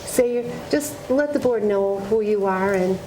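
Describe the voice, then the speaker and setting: A woman's voice: mid-range voice, a little slow, mellow. A woman, a school district administrator, giving announcements at a board meeting, reading out names, dates and awards. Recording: noisy community TV recording.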